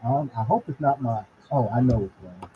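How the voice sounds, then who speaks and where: A man's voice: mid-range voice, animated, normal speed, noisy background. A man calling in to a casual debate, his voice muffled and far off as if heard through a wall. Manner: jumps in eagerly to weigh in. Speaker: guest joining by call.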